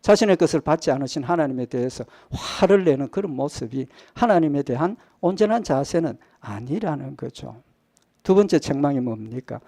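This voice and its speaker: Male pastor, sermon delivery: mellow, gravelly voice, dry close sound, rhetorical questions, phrase ends sink to a murmur. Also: on the high side, animated, normal speed, no room sound. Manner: rhetorical questions, answers them himself. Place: church sanctuary.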